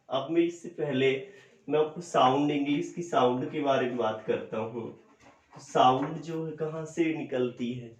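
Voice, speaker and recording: A man teaching English grammar in a slow, explanatory classroom lecture, mixing in English terms. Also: mid-range voice, a little mellow, a little hiss or hum. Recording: echoey lo-fi room recording.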